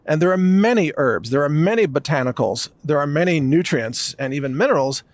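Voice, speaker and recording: A man's voice: fairly high pitch, lively intonation, brisk, no echo. A middle-aged man hosting a podcast, delivering an emphatic monologue that builds through long lists of phrases. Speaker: podcast host. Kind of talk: monologue commentary.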